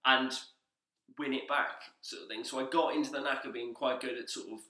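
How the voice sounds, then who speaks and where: A man's voice: mid-range voice, fairly even intonation, brisk, bright, forceful tone, reverberant. A young man co-hosting a podcast, telling rambling anecdotes in casual chat with fillers and laughs. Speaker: podcast co-host.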